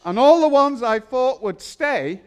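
Preaching as a guest pastor, a man with a very high voice and lively intonation speaks a little slowly in a lo-fi recording. He is exuberant and erratic in charismatic style, chuckling, making joking asides and nonsense exclamations, and swinging between quiet talk and shouting.

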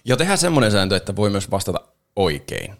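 Gravelly low-voiced man. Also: very animated. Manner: easygoing, laughs often. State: hung over. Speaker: podcast host. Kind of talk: casual chat.

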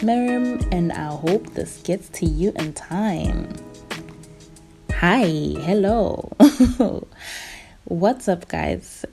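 A woman's voice: fairly low pitch, creaky, mellow. A young woman, hosting a podcast as a casual, candid, conversational personal monologue. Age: young adult. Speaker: podcast host.

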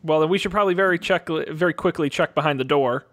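A man's voice: fairly high pitch, fast talker, fairly bright tone. A man chatting casually and playfully as a player in a tabletop game. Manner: playful, jokey. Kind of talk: casual joking game chat.

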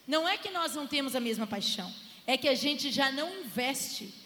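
A woman co-leading a church marriage talk, telling lively stories and laughing as she preaches. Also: high-pitched, a little fast. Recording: echoey hall with long reverb and faint noise.

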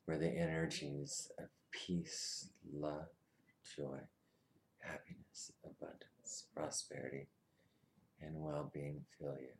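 A man with a very low, deep voice guides a meditation, speaking unhurriedly. His instructions are soothing and soft, and he often sinks to a whisper. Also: little pitch movement, takes it slowly, creaky, slight background noise, rough recording.

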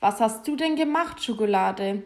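A woman voicing a kindly, fatherly old Santa Claus who calls out and gently scolds. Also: fairly high pitch, animated, moderate pace. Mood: questioning.

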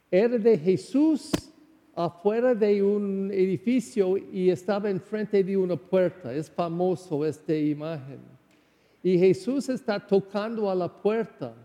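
Earnest priest with an American accent. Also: male voice, high-pitched, dark tone, big-room sound, dull audio. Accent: American English. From United States. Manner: slow, earnest preaching with non-native phrasing. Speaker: parish priest. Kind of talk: Sunday homily.

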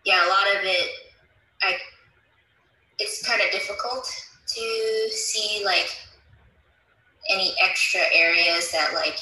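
A woman's voice: medium pitch, slow, pauses often, bright, forceful tone, reverberant, rough recording. A woman joining an online audio discussion over a bad connection that breaks up, speaking hesitantly with many fillers and restarts. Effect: bad connection, breaking-up call audio. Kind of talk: casual discussion. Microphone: remote call.

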